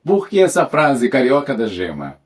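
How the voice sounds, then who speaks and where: A man hosting a podcast interview with a medium-pitched voice. He greets listeners with showman flair and keeps the chat playful with quick quips. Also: huge pitch swings. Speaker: podcast host.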